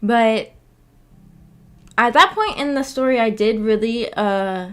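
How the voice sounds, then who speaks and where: A woman streamer hosting a visual novel book club chats casually with viewers, reacting to their comments in a slightly high, clean voice with lively intonation. She takes it slowly, hesitant and giggly as she searches for words.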